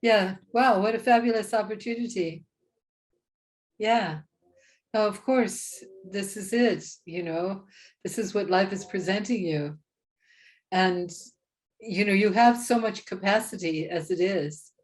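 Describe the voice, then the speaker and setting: A woman's voice: medium pitch, unhurried. A woman leading an online group, answering a participant in an encouraging, affirming way over a video call. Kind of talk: supportive response on a video call.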